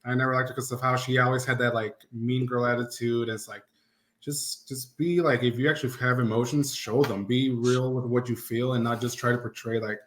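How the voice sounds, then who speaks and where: A man's voice: mid-range voice, flat delivery, fairly quick. A man co-hosting a casual podcast chat, earnest and agreeable, circling back over his point. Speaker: podcast co-host.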